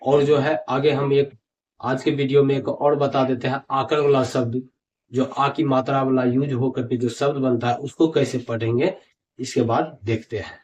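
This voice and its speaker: A man teaching at a board, reading each word aloud twice in a drawn-out, emphatic way. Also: mid-range voice, fairly even intonation, darkish tone. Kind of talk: board lesson, reading words aloud slowly. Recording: dull lo-fi audio.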